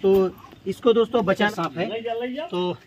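His voice sits high and he takes his time: an Indian man rescuing snakes outdoors in a village, talking to camera and repeating "friends" to his viewers nonstop. Villagers chatter loudly around him, and he urgently begs them not to harm the snake when they menace it.

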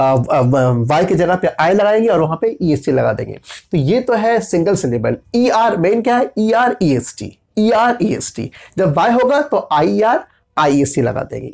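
Spelling out letters with patience, a man explains a grammar lesson and keeps checking in with his listeners. His voice sits high and sounds a little mellow.

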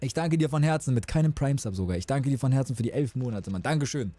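A man's voice: mid-range voice, expressive, quick pace, dark tone, no room sound. A man casually commenting as he plays a game live, chatty and wondering aloud. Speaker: streamer. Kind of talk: casual let's play commentary.

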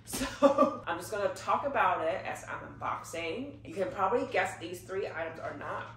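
Seated in her living room behind gift boxes, a woman who vlogs luxury unboxings talks to her viewers while recovering from a cold, sounding congested. She is chatty and full of "like" and "you know" fillers, her lowish voice animated, fairly bright, and at a moderate pace. There's slight background noise, an echoey room, and a somewhat distant mic.

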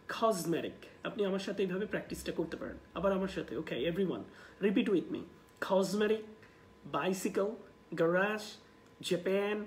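A teacher with a Bangladeshi accent leads a live online class through a livestream camera mic. Explanations come at a quicker clip, and each model word is drawn out slowly for viewers to repeat. The voice sits at a mid pitch, with a faint background hum. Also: a little mellow. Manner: slow, stretched model words between quicker explanations. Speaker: English pronunciation teacher.

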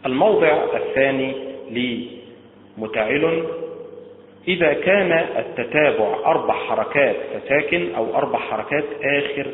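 A man delivers a Quran recitation lesson at a mid pitch, working methodically through word after word and repeating each one to set the right stress against the wrong ones. The audio is thin and phone-like, with a lingering room echo and a faint hiss underneath. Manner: methodical, drills words by repeating contrasting pronunciations. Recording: tinny phone-like audio in a roomy echoing space.

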